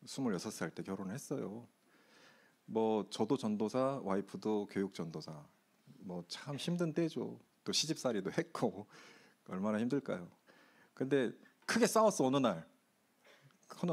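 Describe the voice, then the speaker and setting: A man's voice: fairly low pitch, sing-song, normal speed, darkish tone. A middle-aged man, a pastor, candidly telling a self-mocking personal story during a youth retreat Q&A.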